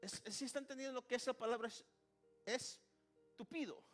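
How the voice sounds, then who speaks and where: A man's voice: very high voice, steady tone, rapid-fire, soft background music. A man preaching a sermon in Spanish, who keeps calling out to the congregation and praising Jesus, with many restarts. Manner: repeats "hermano" and "alabado sea el nombre de Jesús", with many restarts.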